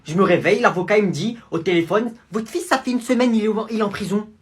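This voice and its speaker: A man voicing a stern, furious mother who scolds her son in a low, menacing tone, in a comedy sketch. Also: fast talker, husky.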